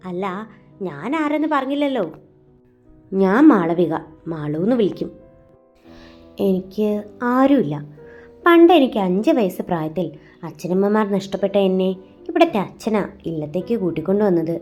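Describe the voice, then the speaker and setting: A woman's voice: medium pitch, animated, moderate pace, long pauses, soft background music, lightly acted. Woman playing a shy lovesick girl. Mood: wistful. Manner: soft, wistful, confiding. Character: shy, lovelorn orphan girl of eighteen.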